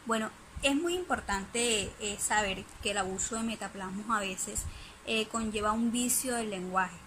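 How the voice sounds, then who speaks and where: A woman's voice: mid-range voice, normal speed, noisy background. A woman giving a spoken lesson presentation, hesitant, with many fillers and restarts.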